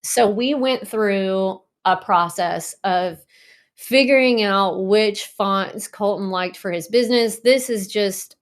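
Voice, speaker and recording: Chatty woman casually demoing design software. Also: medium pitch, slow. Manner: chatty, lots of ums and likes. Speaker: design tutorial presenter. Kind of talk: casual screen-share walkthrough. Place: at home.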